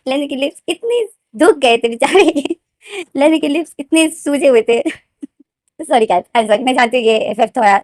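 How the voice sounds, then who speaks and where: Fast, chatty woman retelling a story. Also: high voice, a little mellow, dry recording, clean studio sound. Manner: chatty, mixes English words into Hindi. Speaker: fan fiction explainer.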